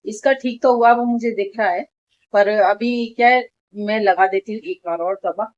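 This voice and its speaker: A chatty mother vlogs from her home and keeps talking to her viewers as friends. Her voice is mid-pitched and even. The phone audio sounds a little dull and lo-fi. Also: normal speed. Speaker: vlogger, mother. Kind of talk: casual home vlog.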